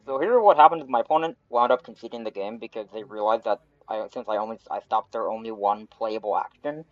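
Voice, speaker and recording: A man's voice: on the low side, fast, no echo. A man giving a casual recap as a video host, recorded on a poor, cheap microphone. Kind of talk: casual vlog voice-over recap. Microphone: cheap substitute microphone, close and dry. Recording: dull cheap-microphone sound.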